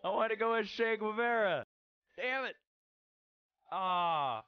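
A man's voice: high-pitched, animated, moderate pace, clear, resonant tone, no echo, muffled recording. A man casually commenting on a game he is playing, rambling, joking and swearing freely. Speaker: gaming channel host. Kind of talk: casual let's-play commentary.

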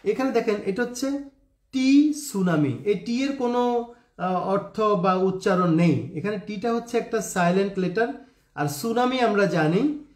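Male tutor, high pitch, roomy sound; patient letter-by-letter spelling lesson. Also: expressive, unhurried. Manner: spells words out letter by letter, addresses viewers as friends. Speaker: English teacher.

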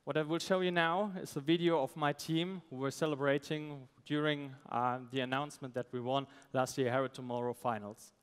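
Man in his thirties, smooth tone, halting phrasing, stage pitch, big hall reverb. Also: steady tone. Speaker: startup co-founder, speaker. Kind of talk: conference pitch presentation. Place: stage in a large event hall. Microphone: headset. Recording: amplified voice in large reverberant hall.

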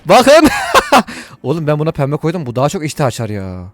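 A man giving joking, excitable and profane commentary while playing a video game. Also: fairly high pitch, racing, a little hiss or hum. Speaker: gaming YouTuber.

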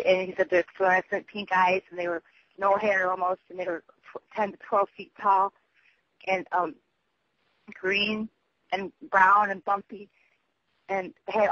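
This is a muffled, dull voicemail captured by telephone, with a dry sound. The caller, medium in pitch, rambles urgently, repeats points, stresses words hard, and tends to swear.

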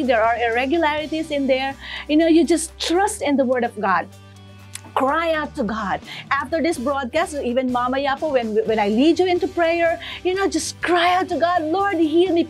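High-voiced Filipino woman preaching. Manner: code-switches, many "you know" and "no?" tags. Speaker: pastor. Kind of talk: devotional sermon broadcast.

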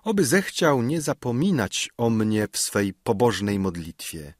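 A man reading an audiobook voices a dignified, gracious noble baroness in a raised, gentle tone. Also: medium pitch, sing-song, measured pace, dry recording, clean studio sound. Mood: stately, tender.

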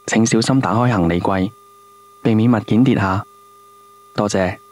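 A man with a fairly low voice delivers a scripted cabin safety announcement. He sounds like a formal flight attendant addressing passengers over the aircraft PA. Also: normal speed, darkish tone.

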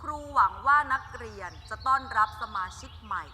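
A brisk, commanding teacher. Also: female voice, fairly high pitch, pushed and bright, soft background music. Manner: brisk and commanding, polite formal particles. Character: brisk, commanding female schoolteacher. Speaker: schoolteacher.

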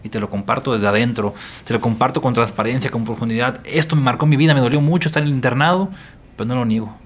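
A man's voice: mid-range voice, fast. A man, a priest with a Mexican Spanish accent, speaking in a reflective podcast interview with an earnest tone and repeating phrases for emphasis. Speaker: priest guest.

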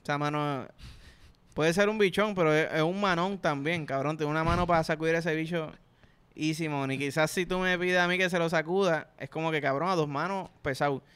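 A young man with a Puerto Rican accent talking casually on a podcast. His voice sits a little high and comes through smooth and clean. He jokes crudely and leans on street slang. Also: fairly quick, a bit bright. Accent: Puerto Rican Spanish. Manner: slangy, crude, joking storyteller. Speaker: podcast co-host. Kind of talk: casual chat.

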